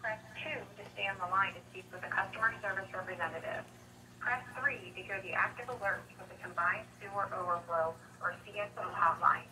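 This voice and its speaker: A woman's recorded phone message, announcing menu options in a slow, polite, scripted way. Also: medium pitch. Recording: distant noisy phone line.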